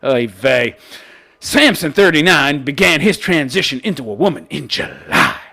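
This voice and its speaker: A man's voice: on the high side, very animated, moderate pace, gravelly, bright, forceful tone, husky. A man hosting an opinion commentary show, reading out news and mocking it in a brash, coarse-mouthed, exaggerated way. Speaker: host of a commentary channel.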